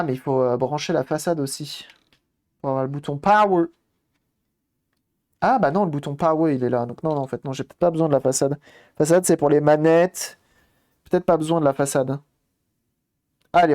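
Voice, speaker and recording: A man's voice: fairly high pitch, normal speed, long pauses, warm tone. A man casually commenting on a live stream while repairing a game console, thinking aloud and greeting viewers as they arrive.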